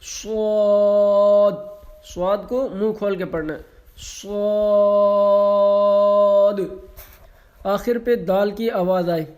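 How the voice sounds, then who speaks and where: Male online tutor with a high voice; slow stretched letters, brisk explanations. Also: mellow. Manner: slow drawn-out letter sounds between quick explanations, mixing in English. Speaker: Quran reading tutor. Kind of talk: online lesson in letter pronunciation.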